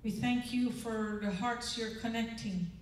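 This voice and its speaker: An older woman leads a chapel devotional and prayer, earnest and conversational, often asking the audience to agree. Her voice sits at a middle pitch and rings through a large, very echoey hall. It sounds picked up from some distance, with faint room hum behind her. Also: steady tone, a little slow. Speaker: chapel speaker. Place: large church auditorium stage. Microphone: handheld microphone. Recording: echoey hall, mic heard from afar.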